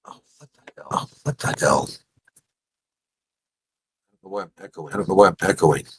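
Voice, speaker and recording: A man's voice: low-pitched, a little fast, fairly bright tone, a little hiss or hum. A man hosting a casual livestream, his blunt, cursing talk doubled back at him as an echo with a short delay. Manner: blunt, cursing, repeats himself. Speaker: show host.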